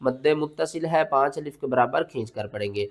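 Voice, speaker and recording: A man teaching Quran recitation step by step. He asks himself questions as he explains, then recites slowly in a drawn-out chant. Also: mid-range voice. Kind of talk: step-by-step tajweed lesson.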